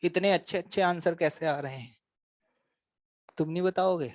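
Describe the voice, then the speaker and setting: High-pitched man, physics teacher, classroom lecture, teasing, quizzing, dry close sound. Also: moderate pace, darkish tone, no room sound. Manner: quizzes and teases students, addresses them as brothers. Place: classroom with students.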